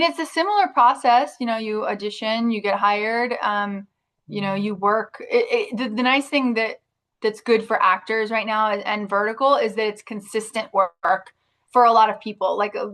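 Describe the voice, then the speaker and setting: A woman talking openly about her acting work as an interview guest. Her voice sits at a middle pitch. She speaks in a chatty, rambling way, full of restarts and fillers. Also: a bit bright. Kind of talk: casual interview chat.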